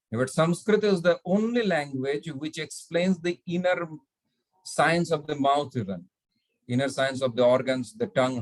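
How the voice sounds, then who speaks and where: धीमे बोलने वाला संस्कृत शिक्षक पुरुष. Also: male voice, mid-range voice, no echo. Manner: patient, spells out sounds, repeats letters. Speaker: Sanskrit teacher. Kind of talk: slow online lesson mixing Hindi and English.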